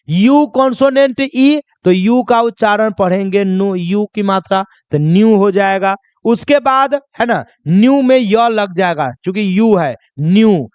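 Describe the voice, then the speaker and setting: This pronunciation lesson comes from a man whose high voice is smooth, captured dry with the highs cut off. He answers his own questions, repeats the important points, and spells words out at a slow pace.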